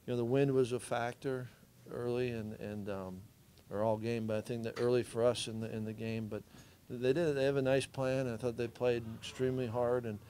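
Flat-voiced middle-aged coach. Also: male voice, mid-range voice, fairly quick, few pauses, a little hiss or hum. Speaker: head football coach. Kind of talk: postgame press conference answers.

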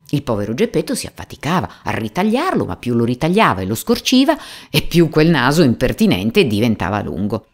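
Deep-voiced, highly expressive woman storyteller. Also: breathy edge. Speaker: narrator. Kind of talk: storybook reading aloud.

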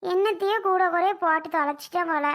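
A woman plays a young wife caught out over a spoiled soup, her voice piercingly high and sharp. She pleads and snaps back. Her tone is bright and pressed, the voice of a comedy skit. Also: fairly quick. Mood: pleading, defensive. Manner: pleading, then snapping back. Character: flustered young wife defending her cooking.

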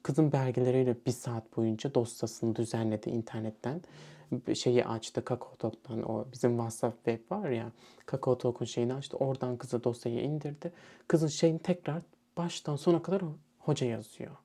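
A man's voice: mid-range voice, steady tone, normal speed, dark tone. A young man from Turkey telling a story casually and animatedly, acting out what other people said. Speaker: student vlogger.

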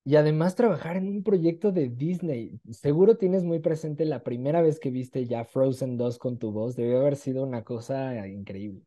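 Interviewing from a small room at home, a host in his twenties with a Mexican accent keeps things conversational and encouraging over a video call with wired earphones. His medium-pitched voice is warm, at a normal speed with hardly any pauses, though the audio is muffled.

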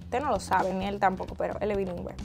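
A woman's voice: medium pitch, steady tone, fast, vocal fry, soft background music. A woman, chatting casually in a vlog as a mother. She gushes and squeals over cute things and drops English words into her speech. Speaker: mother unboxing birthday gifts.

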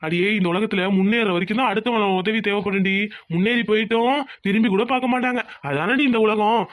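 Cartoon village farmhand husband, easygoing, quick talker, played by a man. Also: sits high, steady tone, fairly bright tone. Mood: calm, consoling. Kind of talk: cartoon voice acting.

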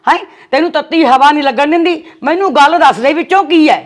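A woman's voice: high-pitched, quick pace, close to an everyday voice. An actress playing an anxious middle-aged village aunt who keeps coaxing her nephew, with a Malwai Punjabi accent. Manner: coaxing, insistent, repeating "son". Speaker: paternal aunt. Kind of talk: web series acting.

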